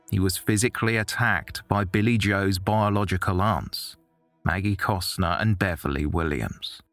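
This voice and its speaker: A man giving measured, scripted narration for a true-crime documentary. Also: low-pitched.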